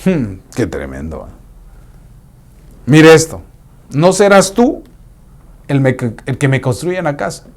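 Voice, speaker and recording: A man's voice: mid-range voice, measured pace, long pauses. A man preaching a sermon, acting out Bible scenes in different voices. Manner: animated, acts out scenes in voices.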